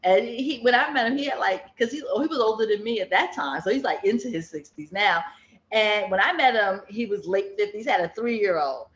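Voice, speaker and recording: A woman's voice: medium pitch, lively intonation, fairly quick. A woman in her fifties chatting casually, telling stories and acting out what people said. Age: 50s. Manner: chatty storytelling, acts out quotes. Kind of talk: casual chat. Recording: dull echoey room sound.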